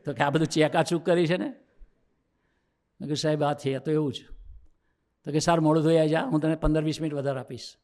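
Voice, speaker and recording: Man telling a story-driven sermon, voice slightly high. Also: fairly quick, pauses often. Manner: lively storyteller who acts out quoted dialogue and rises for emphasis. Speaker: monk giving a talk at a youth assembly. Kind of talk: sermon told as a personal story.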